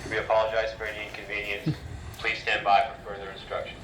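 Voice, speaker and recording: Man, emergency announcement over building loudspeakers, low voice, fast and even, echoey, distant, noisy hall. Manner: calm, formal, repeated announcement. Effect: heard through building public address loudspeakers. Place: large convention hall.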